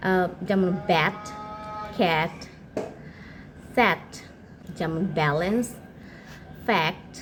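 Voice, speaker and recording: A woman giving an English pronunciation lesson, explaining step by step and saying example words slowly and clearly. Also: mid-range voice, darkish tone, slight background noise, rough recording. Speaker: English teacher.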